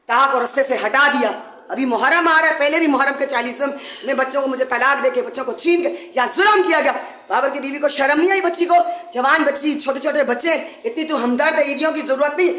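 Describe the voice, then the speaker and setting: Woman, high voice, urgent accusing appeal, echoey room at home. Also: fairly bright tone. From Pakistan. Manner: urgent, accusing, repetitive pleading. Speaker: mother making a public appeal. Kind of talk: impassioned complaint to camera. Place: her home, indoors.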